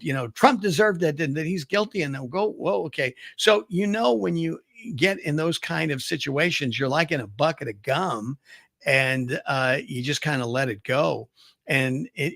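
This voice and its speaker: Brief: middle-aged male radio host, gravelly, slightly high, dry close mic, chatty and opinionated. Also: a bit bright, no echo. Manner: conversational, storytelling, opinionated. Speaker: radio talk show host. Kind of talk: casual talk-radio commentary.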